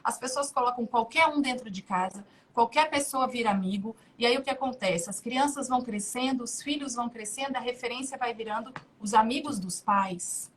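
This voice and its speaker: A woman's voice: fairly high pitch, brisk, hardly any pauses, slight background noise. A woman giving earnest, preachy advice on marriage and the home on a live stream. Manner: earnest, preachy, builds lists. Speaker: guest speaker.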